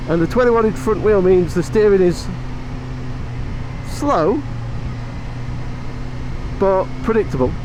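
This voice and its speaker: A man with a fairly high-pitched voice talks casually while riding a motorbike. He thinks aloud in a chatty, unscripted reviewer's style. Wind and road noise are clearly heard on his helmet mic. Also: takes it slowly, pauses often. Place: outdoors, riding a motorbike on mountain roads.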